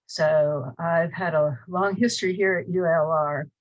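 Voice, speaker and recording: A Cleveland, Ohio woman in her sixties with a Northern US accent introduces her college course from a small home office, chatting and rambling with plenty of fillers into a desk webcam. Her low voice has fairly even intonation and a somewhat slow pace, and the recording lacks high frequencies.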